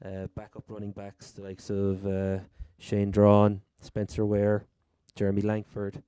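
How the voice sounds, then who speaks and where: A man's voice: on the low side, completely flat delivery, a little slow, dark tone, clean tone, no room sound, studio quality. A man with a Cork Irish accent hosting a casual chat about sport. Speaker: fantasy football podcast host.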